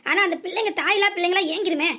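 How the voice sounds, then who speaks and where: A woman voicing a sharp-tongued old village mother-in-law in a cartoon, with a southern Tamil accent and long scolding rants. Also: extremely high pitch, rapid-fire. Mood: indignant. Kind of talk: cartoon voice acting.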